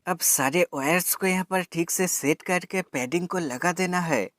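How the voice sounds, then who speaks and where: A man's high-pitched, slightly bright voice moves at a moderate pace with faint music behind it. He's walking viewers through a tech product demonstration step by step, instructional in style and friendly in address, as a how-to voice-over.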